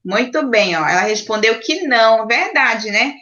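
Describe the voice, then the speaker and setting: Brazilian lady teacher on a video call, kinda high bright voice, patient, keeps checking everyone's following, dull lo-fi audio. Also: animated, moderate pace. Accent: Brazilian Portuguese. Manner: patient, explains step by step, checks in often. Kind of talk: online class teaching.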